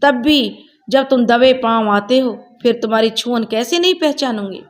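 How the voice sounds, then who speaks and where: A woman's voice: on the high side, normal speed, lightly acted. A woman voicing a bashful, trusting young woman in a storybook reading, with shy, pouting replies.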